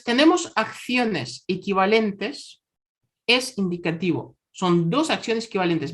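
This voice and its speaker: Woman lecturing on grammar. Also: medium pitch. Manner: explains step by step, stressing pronunciation. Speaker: Spanish teacher. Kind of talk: webinar lecture.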